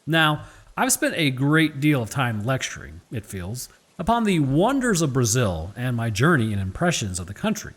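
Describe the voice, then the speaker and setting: A man reading a scripted horror story as its narrator, in a measured, formal, literary storytelling manner. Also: mid-range voice, sing-song, a bit bright, slightly rough. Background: background music.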